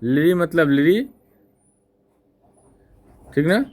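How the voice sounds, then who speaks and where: A man teaching an exam-prep lesson in a fairly high voice. He talks slowly and repeats each point, with frequent checks that the class follows. He stops to fix his own mistakes and apologizes for them. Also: darkish tone. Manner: slow, repetitive explaining with frequent "ठीक ना?" checks; self-correcting, apologetic.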